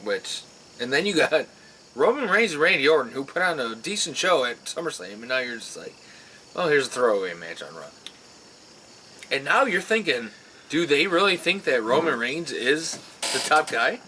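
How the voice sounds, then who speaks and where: A man co-hosting a casual wrestling talk show, his pitch swinging widely as he gets animated. His voice is bright and forward. A faint hum of crickets sits behind him. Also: normal speed, rough recording. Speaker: podcast co-host.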